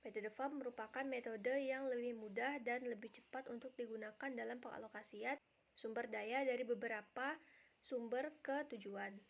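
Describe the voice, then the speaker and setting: A young adult woman, a university student, reading out a class presentation in a steady, step-by-step way. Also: fairly high pitch, normal speed. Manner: steady, reads each step in order. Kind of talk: read-aloud class presentation.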